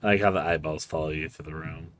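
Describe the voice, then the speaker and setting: A man streaming a horror game, giving live commentary and reading game text aloud in a drawn-out, playful, theatrical way. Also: extremely low pitch, steady tone, a little hiss or hum. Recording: music behind the voice. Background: game music.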